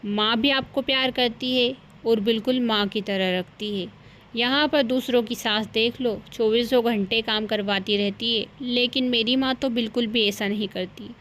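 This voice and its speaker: A woman's voice: fairly high pitch, fairly even intonation, moderate pace, fairly bright tone, slight background noise, lightly acted. A woman voicing a jealous young sister-in-law who scolds and complains in a cartoon story. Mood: sulky.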